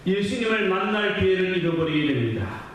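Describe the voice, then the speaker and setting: A male pastor preaching a sermon with impassioned fervor, his voice swelling into near-chanted shouts. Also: sits high, big pitch swings, a little fast, slight background noise. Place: church sanctuary. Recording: very echoey church hall, mic far off.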